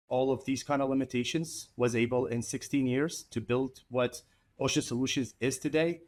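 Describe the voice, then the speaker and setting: A man from Iraq, founder of an IT services company, speaking earnestly as an interview guest with a few repeated starts. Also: medium pitch. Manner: earnest, steady, some repeated word starts. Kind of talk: conversational interview.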